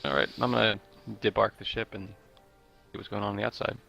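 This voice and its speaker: Laid-back male player voicing his character: low, gravelly, bright-toned. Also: expressive, a little fast, faint music behind. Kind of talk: tabletop role-play.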